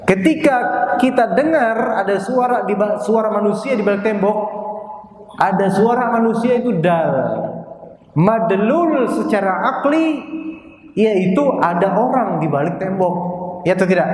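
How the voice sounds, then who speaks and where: A man with a fairly high voice teaches a religious class to a group and keeps asking them whether they follow. His voice echoes through a large hall with a long reverb. A faint background noise is heard under him. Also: a little mellow. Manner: asks the class constant rhetorical questions. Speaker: Islamic teacher. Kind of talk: classroom lecture.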